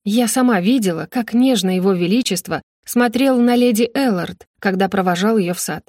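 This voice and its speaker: A woman voicing a gossipy young castle maid with a mocking, excited manner. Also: medium pitch, moderate pace, no room sound, studio quality, natural voice.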